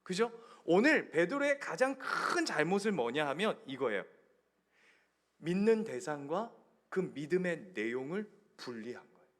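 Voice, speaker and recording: A male pastor preaching an animated sermon who keeps putting questions to the congregation. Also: fairly high pitch, unhurried.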